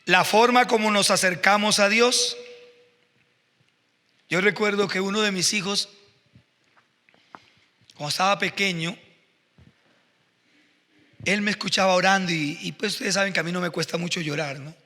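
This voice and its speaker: A man delivering a sermon with a high, bright, forceful voice. He tells stories and builds to fervent emphasis. A long reverb trails his words through a church hall. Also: steady tone, moderate pace, pauses often. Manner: emotional, storytelling with rising fervor. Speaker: pastor.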